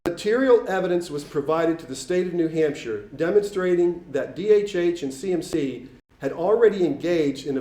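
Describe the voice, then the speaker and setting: Boston guy reading a formal statement point by point, slightly high voice, roomy echo. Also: warm tone. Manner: formal, reads numbered points deliberately. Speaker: speaker at a public forum. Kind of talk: prepared public statement. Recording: echoey room.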